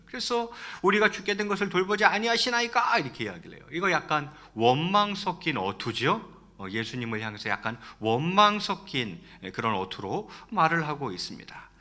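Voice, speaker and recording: A man preaching a sermon as pastor, reading scripture aloud and asking the congregation questions, swinging between loud rises and soft drops. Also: mid-range voice.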